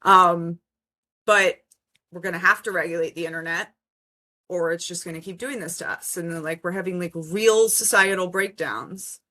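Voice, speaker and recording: A woman guest on a podcast, a former Army intelligence officer, telling stories in an animated, quick way and often cutting herself off to restart a sentence. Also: on the low side. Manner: animated, quick storytelling with self-interruptions. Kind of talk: casual interview talk.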